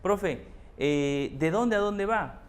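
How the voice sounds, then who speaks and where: A man's voice: high-pitched, animated, slow pace, voice pushed up. A man voicing a curious young student who keeps asking the teacher questions. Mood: eager. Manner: eager, questioning.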